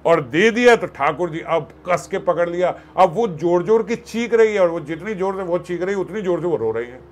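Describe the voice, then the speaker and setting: Male katha preacher, slightly high, lively and playful storyteller. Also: normal speed, slight background noise. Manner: animated, acts out voices and jokes with the audience. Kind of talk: devotional katha sermon.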